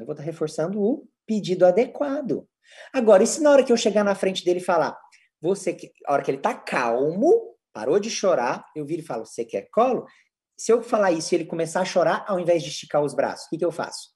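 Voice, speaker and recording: Teaching step by step, a Brazilian-accented male lecturer poses questions and answers them on his own, much like a psychologist working through practical cases with an audience. His pitch swings in a lively way.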